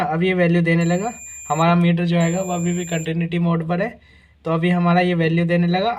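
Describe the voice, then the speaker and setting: A man hosting a repair tutorial, walking through each test step by step and often checking in with "guys" and "theek hai na". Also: high-pitched. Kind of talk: casual hands-on repair demonstration.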